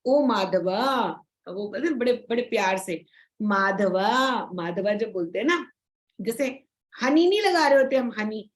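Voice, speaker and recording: Higher-voiced woman explaining scripture. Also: expressive, normal speed, low-quality recording. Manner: chatty, explaining, with frequent tag questions. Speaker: spiritual teacher.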